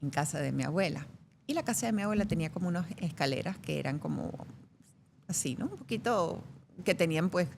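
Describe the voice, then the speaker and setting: A middle-aged actress from Venezuela, telling stories in a lively way during a casual interview. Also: female voice, fairly low pitch, fairly quick, vocal fry, slight background noise. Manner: lively anecdotal storyteller. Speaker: actress guest.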